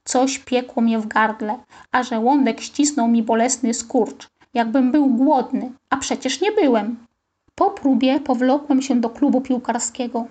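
A woman narrating a children's story in first person, with a lively, expressive reading. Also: on the high side, a little slow. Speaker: audiobook reader.

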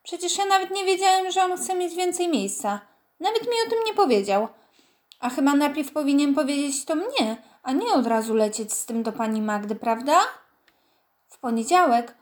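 A woman reading a children's story aloud in a lively, expressive way. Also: fairly high pitch.

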